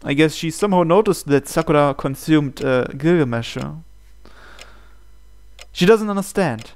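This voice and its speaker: Game music runs underneath as this gaming channel host dramatically narrates a visual novel. His voice is a touch high and smooth, with lively intonation and a moderate pace.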